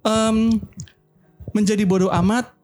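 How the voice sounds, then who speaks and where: A man's voice: sits high, flat delivery, takes it slowly, a little mellow, faint music behind. A man who cannot pronounce his r's properly, chatting casually as a podcast host.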